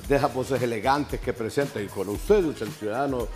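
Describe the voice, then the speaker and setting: A man's voice: mid-range voice, brisk, darkish tone, soft background music. A middle-aged man, hosting a casual interview in a chatty, effusive way. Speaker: TV host. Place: TV set in a betting lounge.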